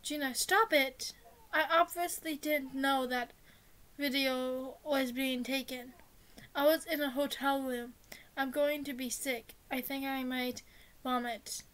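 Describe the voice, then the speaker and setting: Woman reading panicky ashamed young woman from a text story, high and pretty flat. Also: takes it slowly, rough recording. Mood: distressed. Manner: reads the texts plainly, little voice change.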